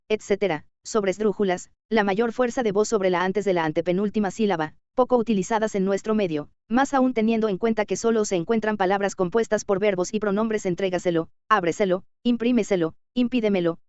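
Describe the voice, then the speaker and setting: A woman reading a scripted lecture as a teacher, measured and slowing down for word examples. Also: medium pitch, a little mellow, clear, resonant tone, no room sound, muffled recording.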